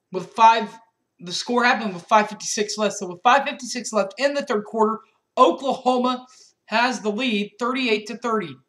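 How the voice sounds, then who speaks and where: High-pitched and fairly bright, a young man reviews a college football game after it ends. He works methodically through scores and stats, sometimes starting over, speaking into a desk webcam in his small bedroom.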